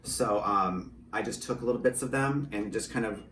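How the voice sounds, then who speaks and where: A man whose voice sits on the low side, with a fairly bright tone and normal speed, chats casually in an interview about his work. As an audio drama writer and director, he's talkative, self-deprecating, and prone to some swearing. Recorded indoors in a small home studio, the audio has a roomy echo and faint noise in the background.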